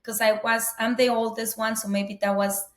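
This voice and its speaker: A Colombian business owner tells her story earnestly as a guest in an interview conversation, often saying "you know." Her voice is fairly high pitched, delivered flatly at a normal speed, and the room gives it a noticeable echo.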